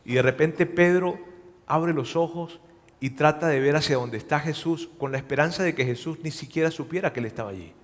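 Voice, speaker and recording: Pastor guy preaching, acts out the story, pretty high voice, echoey church hall. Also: fairly quick. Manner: animated storytelling, acts out dialogue. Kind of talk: sermon. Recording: long hall reverb.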